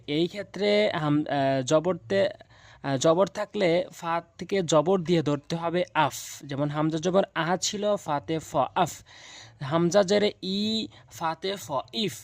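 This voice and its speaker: Man drilling reading syllables slowly. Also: fairly high pitch, gravelly, no echo. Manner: slow, drilling repetition of syllables. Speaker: Quran reading teacher. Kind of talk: spelling-out recitation lesson.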